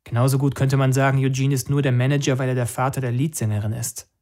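A man's voice: medium pitch, little pitch movement, fast, mellow, close to an everyday voice. A man reading an audiobook, voicing a cool, blunt young woman singer in a dry, matter-of-fact way. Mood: sharp warning.

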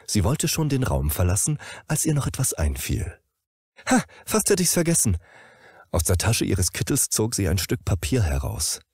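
A man reading a story aloud in an expressive storytelling manner. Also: low voice, moderate pace, hardly any pauses, breathy edge, dry recording, clean studio sound. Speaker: narrator.

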